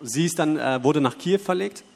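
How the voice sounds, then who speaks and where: Gravelly and fairly high-pitched, a man interprets consecutively into German at a moderate pace for a congregation in a church hall. He passes the message along phrase by phrase, sometimes fixing his own wording, against long reverb.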